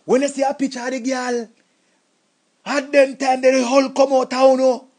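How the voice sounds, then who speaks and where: A man's voice: very high-pitched, normal speed. A man with a Jamaican accent, telling comic stories about his past and acting out the voices of the people in them. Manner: animated, acts out voices, shouts and laughs. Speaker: comedic storyteller. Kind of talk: comic storytelling.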